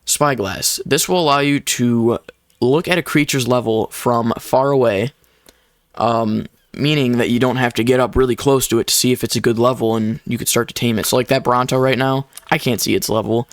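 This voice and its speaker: A man's voice: mid-range voice, fairly even intonation, normal speed, no room sound, clean studio sound. A young man giving casual, chatty commentary while playing a survival game, explaining each step with plenty of fillers. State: short of breath at times. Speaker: gaming YouTuber. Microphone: desk microphone.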